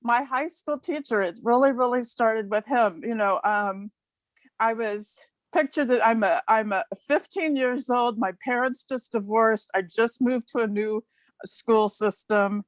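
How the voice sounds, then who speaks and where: A woman's voice: fairly high pitch, measured pace, no room sound. Heartfelt woman in her 60s, dry sound. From Ohio, USA. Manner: heartfelt, chatty, laughs between phrases. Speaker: new club member. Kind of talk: personal storytelling on a video call.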